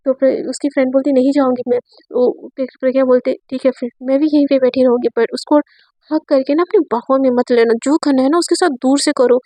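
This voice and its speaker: High-voiced young woman telling a chatty story. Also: steady tone, fast talker, warm tone, dry recording. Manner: retells a romance in a chatty, conversational way, voicing each character's quoted lines. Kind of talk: casual spoken storytelling.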